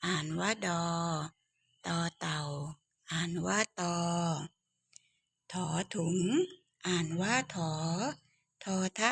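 Slow, careful woman reading letters. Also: lowish voice, steady tone, a bit bright, no echo. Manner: slow, clear, repetitive drill with pauses after each letter. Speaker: teacher. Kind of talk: reading the Thai alphabet aloud for children.

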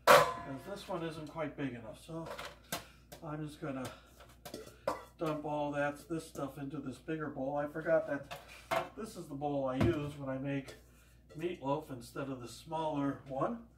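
Heavy background noise surrounds an older man whose voice is on the high side, steady in tone and measured in pace. This home cooking vlogger cooks casually and rambles through homespun stories, picked up by a camera across the echoey kitchen so he sounds distant.

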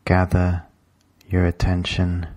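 Calm and deliberate, a low-voiced man offers meditation guidance in an echo-free recording. He lets long pauses fall between each instructional phrase.

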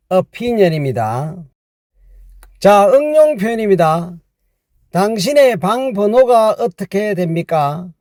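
A man teaching a spoken language lesson, patiently repeating phrases slowly for learners. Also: sits high, dark tone, dry recording, studio quality.

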